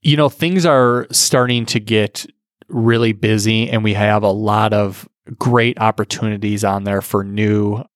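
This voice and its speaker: A man's voice: lowish voice, fairly even intonation, unhurried, dry recording, clean studio sound. A man co-hosting a casual podcast and talking about his business in an earnest, rambling way. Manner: earnest, rambling, many restarts. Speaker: podcast co-host, business owner.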